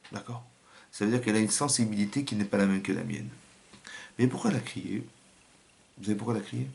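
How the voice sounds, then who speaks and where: A man's voice: on the low side, vocal fry. A man with a French accent giving a religious lesson as a rabbi, acting out little scenes and quotes in changing voices.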